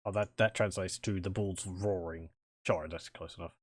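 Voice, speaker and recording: A man giving casual, halting gameplay commentary, thinking aloud as he chats with his viewers. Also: low voice, fairly even intonation, no room sound, studio quality. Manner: musing aloud, chuckling, halting. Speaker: video game streamer. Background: game music.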